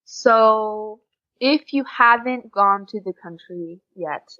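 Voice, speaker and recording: Guesting on a podcast, a young exchange student from the United States chats informally and gives sincere, encouraging advice. She speaks slowly at a medium pitch, and the lo-fi recording sounds dull.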